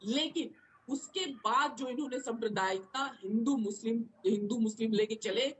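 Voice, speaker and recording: A high-pitched woman argues her party's case in a televised debate. She pushes point after point, doubling back on words and restarting sentences as she presses on. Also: normal speed, poor audio. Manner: argumentative, repeats words and restarts often. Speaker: political party spokesperson. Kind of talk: heated televised political debate.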